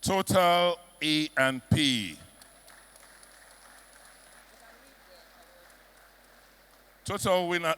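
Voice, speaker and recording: A man's voice: fairly high pitch, pushed and bright, clean tone. A man making a formal winner announcement as an award presenter.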